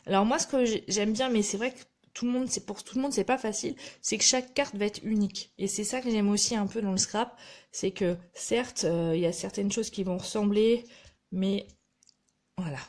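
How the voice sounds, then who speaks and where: A woman's voice: mid-range voice, moderate pace, darkish tone. A woman giving a live craft tutorial, chatting directly to her viewers and often apologizing for small slips. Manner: self-deprecating, apologizes often. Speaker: craft demonstrator.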